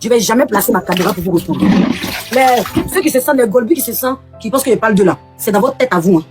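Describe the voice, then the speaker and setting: A woman's voice: a little high, expressive, racing, music in the background. A woman hosting a live stream, ranting combatively at her critics and repeating her points. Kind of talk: heated live stream rant.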